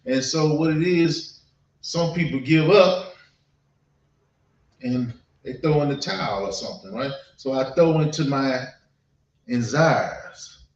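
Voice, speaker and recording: Recorded from afar in a dull room full of echo, an American man with a somewhat high voice preaches informally. He pauses often, repeats himself, and keeps it chatty with regular check-ins.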